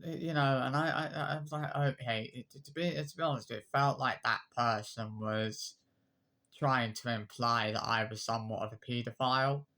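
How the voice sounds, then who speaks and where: Steady and pushed-bright at normal speed, the medium-pitched voice belongs to a man in his 20s who comments on YouTube. Aggrieved and defensive, he rants unscripted to camera, going over the same points, restarting phrases and listing insults.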